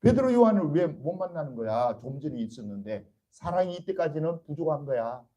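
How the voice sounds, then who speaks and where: A man preaching to his congregation in a high, mellow voice. He is earnest and urging, firing rhetorical questions at the listeners and answering them himself. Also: sing-song, brisk, muffled recording. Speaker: pastor. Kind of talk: Easter sermon to a congregation.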